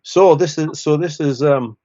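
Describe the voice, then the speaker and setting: A man's voice: on the high side, measured pace, mellow. Rambling jokey man, muffled recording. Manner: rambling, jokey, restarts and tag questions. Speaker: social worker podcast co-host. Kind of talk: casual chat over beers.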